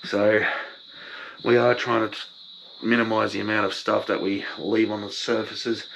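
A man's voice: fairly low pitch, flat delivery, moderate pace, gravelly, fairly bright tone, a little hiss or hum, low-quality recording. A young man talking casually in a vlog, sick and short of breath, rambling and laid-back. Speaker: vlogger.

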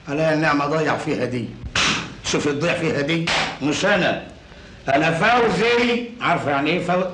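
An actor with an Egyptian Arabic accent playing a scheming, boastful crook who talks in a cocky way in an old film. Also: male voice, a little high, a little fast, close to an everyday voice. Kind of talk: 1980s Egyptian film acting. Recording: echoey old film soundtrack with noise.

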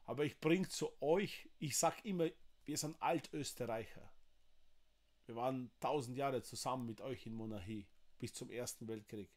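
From a wood-panelled room, a Slovenian man in his forties hosts a livestream in German with a Slovenian accent, appealing to viewers. His talk is halting, emotional, and full of fillers, delivered at a medium pitch with a darkish tone.

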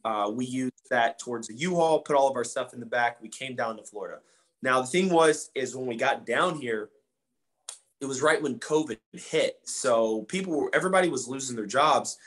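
A man's voice: medium pitch, moderate pace, fairly bright tone. A man in his twenties, a guest, telling his story in a casual interview with a laid-back, slangy manner. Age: 20s.

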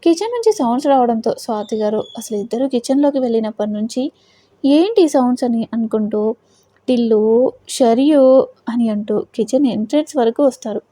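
A woman's voice: a little high, fairly quick, no room sound. Woman reading a romance audio story. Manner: steady, expressive storytelling. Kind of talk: scripted story narration.

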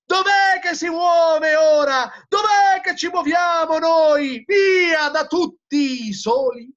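A man's voice: extremely high pitch, animated, slow pace, pushed and bright, pitched above the performer's own voice, exaggerated voice. A male teacher reading aloud as a frantic madman who cries out in anguished declamation, on a dull lo-fi recording. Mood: anguished shouting. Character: frantic male madman crying out that God is dead.

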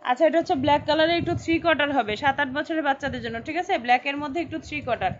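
Talking very fast in a high-pitched voice, a woman chats her way through a live-stream clothing sale. She reads out buyers' names and repeats sizes, and the stream audio is dull, lo-fi, and faintly noisy.

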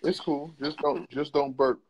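A man's voice: fairly high pitch, fairly even intonation, a little slow, a little hiss or hum. A man hosting a casual video call chat, joking and teasing his callers with crude banter. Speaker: host.

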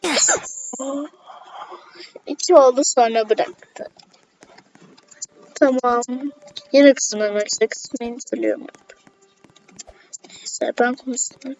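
A woman doing casual let's-play commentary as a gaming YouTuber, excitable, talking straight to her viewers and breaking into gasps and shrieks. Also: fairly high pitch, takes it slowly, long pauses. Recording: slightly dull lo-fi with faint hiss.

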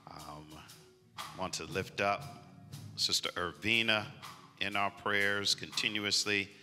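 A middle-aged male pastor calmly reading prayer requests to his church. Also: sits low. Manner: measured, pastoral, slow. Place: large church sanctuary. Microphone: handheld microphone. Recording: church hall reverb.

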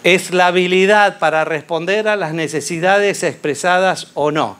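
A man preaching a sermon, telling a Bible story with rhetorical questions and lively storytelling. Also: high voice, moderate pace, a little hiss or hum.

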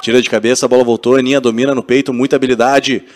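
A man with a Brazilian accent giving explosive, excited goal commentary as a football match commentator. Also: mid-range voice, racing, loud music behind the voice. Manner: excited, shouts and repeats exclamations at goals.

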